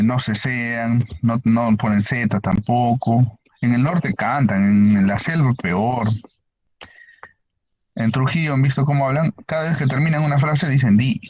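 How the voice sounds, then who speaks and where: A man's voice: medium pitch, a little mellow, dull audio. A male teacher explaining ideas to a class and asking them questions as he goes. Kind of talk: online university lecture.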